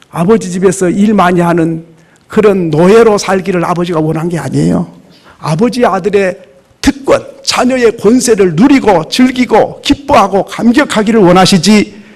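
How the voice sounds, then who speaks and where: Gravelly, husky Korean pastor preaching. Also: male voice, high-pitched. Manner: animated preaching, acting out quoted voices. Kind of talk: sermon.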